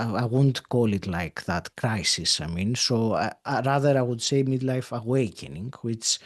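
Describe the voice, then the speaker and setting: As a podcast guest in an interview conversation, this man in his fifties from Greece speaks English as a second language with a Greek accent. His mid-range voice has a darkish tone, and he answers thoughtfully, with plenty of pauses and fillers.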